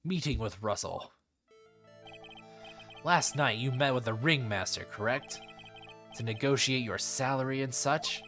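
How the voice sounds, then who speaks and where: A man's voice: medium pitch, measured pace, pauses often, fairly bright tone, soft background music. Man reading game dialogue on stream. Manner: joking asides. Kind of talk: casual let's play, reading game dialogue aloud.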